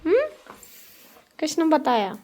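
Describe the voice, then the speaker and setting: Her voice is high and mellow, with wildly swooping pitch and a slow pace. In the family kitchen, this mother serves food while chatting and joking with her children for a vlog. The conversation is relaxed, everyday home vlog chat.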